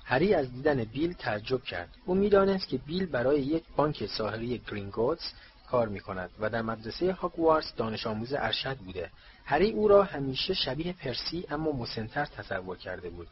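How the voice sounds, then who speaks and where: A man narrating a novel as an audiobook, in measured storytelling that voices each character. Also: mid-range voice, big pitch swings. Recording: slightly dull recording, faint hiss.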